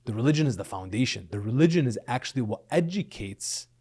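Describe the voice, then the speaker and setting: Speaking fast with lively intonation, this podcast guest has a medium-pitched, husky voice with a darkish tone. He is middle-aged, raised between Lebanon and the US, and he explains things earnestly while frequently asking "right?".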